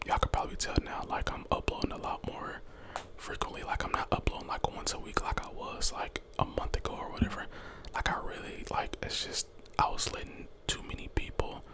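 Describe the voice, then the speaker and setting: An American man in his twenties giving a casual, slangy, encouraging pep talk in an ASMR whisper close to the microphone. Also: very high-pitched. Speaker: ASMR content creator. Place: small bedroom, indoors. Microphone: close handheld desk condenser microphone.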